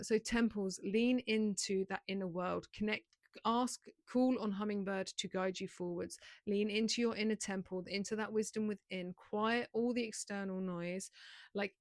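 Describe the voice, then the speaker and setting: A woman doing a pick-a-card tarot reading for viewers, speaking in gentle, repetitive affirmations with many filler words. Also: medium pitch, dry recording, studio quality.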